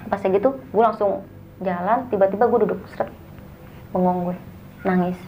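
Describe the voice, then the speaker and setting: A young woman, telling a story as a guest in a casual, animated way and acting out the dialogue. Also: medium pitch, normal speed, slight background noise, low-quality recording.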